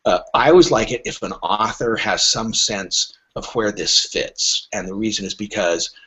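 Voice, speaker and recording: His voice sits on the low side, with a sharp, slightly rough tone and a moderate pace. The middle-aged or older man answers interview questions as a literary agent, speaking frankly and emphatically while acting out imagined dialogue. Recording quality is dull lo-fi podcast audio.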